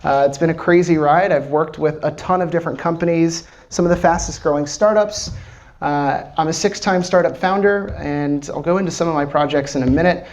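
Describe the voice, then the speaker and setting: Fairly high-pitched yet darkish in tone, his voice moves fairly quickly as he chats loosely through a live presentation for a small audience. He's a D.C.-born American startup founder who uses plenty of fillers and swears casually.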